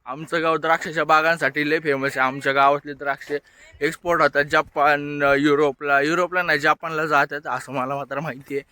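A man's voice: on the high side, level tone, brisk, no echo. A young man from Maharashtra chatting to his viewers as friends while filming a casual village vlog outdoors. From Maharashtra, India. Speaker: vlogger. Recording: outdoor phone recording with loud background noise.

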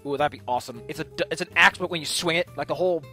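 A male host chats casually through a tabletop character build, thinking out loud in a playful way. His voice sits a little high and has a bright, forceful edge. Faint music plays behind him. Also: very fast. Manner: playful, thinking aloud, mild swearing. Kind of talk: casual rambling commentary while building a game character.

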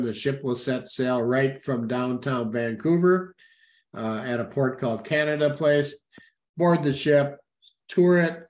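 A man's voice: medium pitch, darkish tone. Middle-aged guy doing a cruise sales webinar on a webcam, lots of uhs, roomy echoey sound. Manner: informal, frequent "uh" fillers and self-corrections. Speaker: cruise line sales representative. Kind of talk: webinar slide presentation. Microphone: webcam at a desk, video call.

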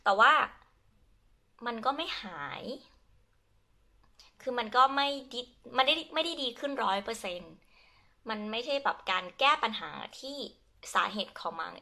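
A young adult Thai woman teaching her language, switching between Thai and slow, halting English with a Thai accent, and often repeating herself. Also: fairly high pitch, lively intonation, vocal fry, sharp tone. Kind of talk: bilingual lesson, Thai with English glosses.

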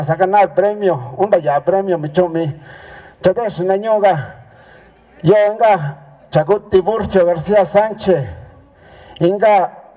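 A man from Mexico works as announcer at a village fiesta dance in a church. His voice sits high but sounds soft and warm rather than bright. He talks in short clipped phrases, calling out sponsors and guests one after another. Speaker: event announcer.

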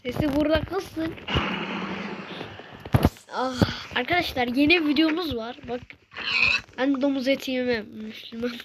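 A woman giving casual gameplay commentary, excitable and taunting, calling out to in-game enemies in slangy trash talk. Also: high-pitched, unhurried, long pauses, heavy background noise. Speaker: gaming channel host.

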